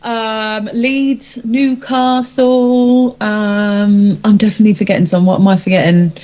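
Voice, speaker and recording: Interviewed as a guest, a rock band's singer talks in a loose, rambling, giggly way. Her mid-range voice is mellow, fairly even in intonation, and at a normal pace, though the recording is muffled.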